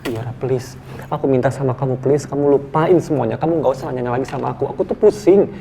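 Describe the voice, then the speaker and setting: A man's voice: medium pitch, quick pace, creaky, warm tone, slight background noise, close to an everyday voice. A man playing a pleading, evasive young boyfriend. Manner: pleading and irritable. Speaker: actor in a TV soap. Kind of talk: TV soap acting.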